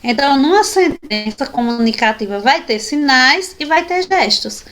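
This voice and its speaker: A Brazilian woman with a high voice gives a sign language lesson, explaining step by step and often asking her students if they follow. She sounds a little tired, but her teaching stays patient and clear. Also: animated, normal speed, a bit bright. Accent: Brazilian Portuguese. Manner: explanatory, frequent checking questions to students. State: tired after a long day. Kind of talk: online class lecture.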